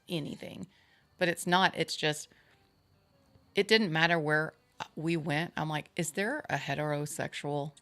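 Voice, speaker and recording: A woman with a very low voice and a gravelly edge talks about a trip. She grew up in a small town, and her speech is halting and casual, with lots of restarts. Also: fairly bright tone. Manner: hesitant, restarts, chatty. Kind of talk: casual chat.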